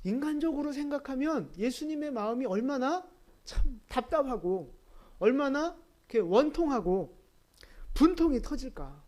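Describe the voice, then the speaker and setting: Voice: high-pitched, expressive, normal speed, a little mellow. A pastor preaching a sermon at a church service. The pastor walks through scripture by asking questions and answering them, and builds to emphatic, insistent points.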